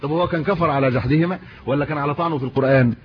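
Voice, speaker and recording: A man with an Egyptian Arabic accent teaches a religious lesson at a brisk, rapid clip, his voice set a little high. He moves between reading classical text and plain colloquial explanation, often asking his listeners questions. The recording is muffled and lo-fi, with a faint hiss behind him.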